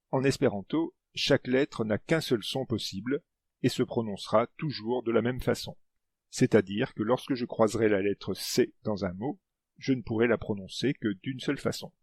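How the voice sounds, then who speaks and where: A man's voice: mid-range voice, normal speed, slightly rough, no echo. A man presenting a language lesson in scripted narration, explaining and stressing his example words.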